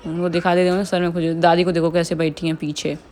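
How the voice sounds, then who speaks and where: A woman's voice: on the low side, flat delivery, quick pace, darkish tone, a little hiss or hum. Chatty young woman vlogger. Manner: chatty, laughs often, giggly asides. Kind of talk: casual vlog voice-over.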